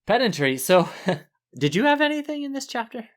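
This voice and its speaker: A man's voice: very high-pitched, very animated, brisk. A man co-hosting a podcast in casual chat, talking easily and laughing often. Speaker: podcast co-host.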